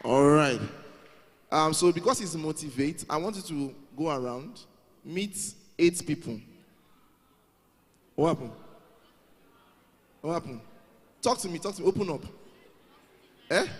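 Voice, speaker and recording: Man, youth event host, fairly high voice, big hall reverb. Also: expressive, a little slow, pauses often. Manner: coaxing, calls out to the crowd, repeats himself. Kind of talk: hosting a live youth event. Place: large hall.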